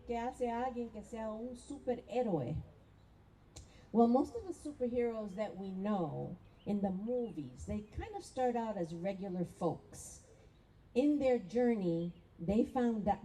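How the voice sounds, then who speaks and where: A woman's voice: medium pitch, warm tone, a little hiss or hum, poor audio. A woman school principal giving a heartfelt, emotional graduation speech into a podium microphone. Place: graduation ceremony.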